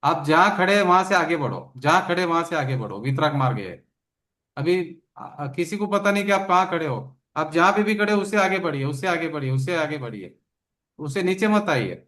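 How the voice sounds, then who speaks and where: A man with a fairly high voice for a man teaches in a study session. He drives his points home by saying the same phrase again and again, with steady emphasis. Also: brisk. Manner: emphatic, repeats phrases over and over. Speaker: religious teacher. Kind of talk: explaining a text in an online study session.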